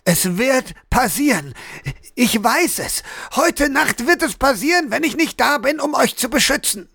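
A man's voice: on the high side, takes it slowly, gravelly, fairly bright tone, no room sound, studio quality, exaggerated voice. Man playing a desperate, frightened father. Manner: urgent, pleading, agitated.

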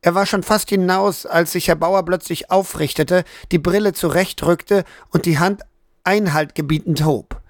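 Man narrating an audiobook, high voice. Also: fairly even intonation, no echo, clean studio sound. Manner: measured, dramatic storytelling.

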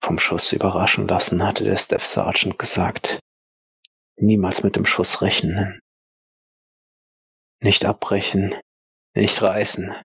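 In a dramatic, scripted style, a man narrates an audio drama using terse, weighty phrases and pauses. His low voice is husky and gravelly with a flat delivery and a fairly bright tone, recorded without echo.

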